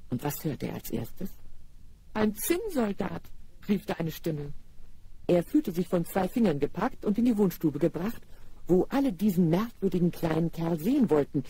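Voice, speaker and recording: Lively fairy-tale narrator, man. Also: a little high, a little hiss or hum. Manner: lively, addresses listeners directly. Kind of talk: storytelling narration for children.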